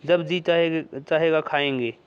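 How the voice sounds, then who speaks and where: A man's voice: on the high side, fairly even intonation, measured pace, smooth, lightly acted. A man voicing a firm, dismissive middle-aged village mother in a read-aloud story. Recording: dull lo-fi recording.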